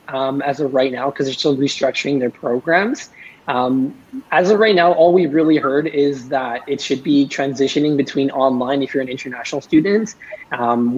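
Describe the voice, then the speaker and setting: Young guy on a panel, chatty, husky higher voice, slightly muffled audio. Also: darkish tone. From born in India, moved to Canada about twenty years ago. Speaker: student panelist. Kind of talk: conversational self-introduction and advice.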